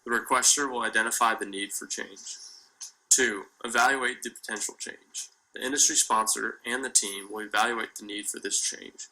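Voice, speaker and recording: Bright-voiced young man reading a presentation. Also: lowish voice, steady tone, moderate pace, rough recording. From Kentucky. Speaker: student presenter. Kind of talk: read class presentation.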